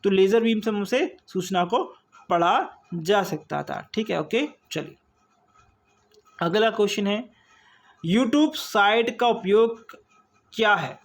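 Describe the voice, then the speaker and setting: Slow and animated, with a high-pitched voice, vocal fry and frequent pauses, this Indian-accented teacher runs a casual online exam-prep class. He reads quiz questions, explains them, and repeatedly checks in with listeners via questions and tags.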